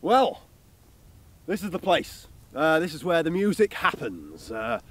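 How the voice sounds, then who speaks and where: In a mockumentary interview, an actor plays an earnest, clueless male folk singer who rambles and hesitates, full of filler sounds. His voice is on the high side and very animated at a measured pace, with slight background noise and a roomy, distant sound.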